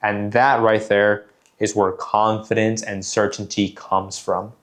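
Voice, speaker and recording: A man coaching on sales calls in a measured, deliberate way, repeating key phrases for emphasis. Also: on the low side, little pitch movement, fairly bright tone. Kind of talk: instructional talk.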